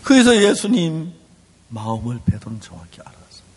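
A male pastor preaching a sermon with great passion, moving between loud cries and hushed low tones. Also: big pitch swings, a little fast, husky. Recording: long hall reverb.

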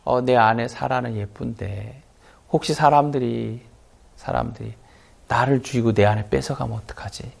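한 남자가 불안해하며 아내에게 속삭여 당부하는 족장 남편을 연기한다. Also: male voice, medium pitch, steady tone, moderate pace, creaky, husky, pitched below the performer's own voice. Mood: anxious hushed. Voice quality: hushed, conspiratorial whispering. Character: anxious scheming patriarch husband, middle-aged.

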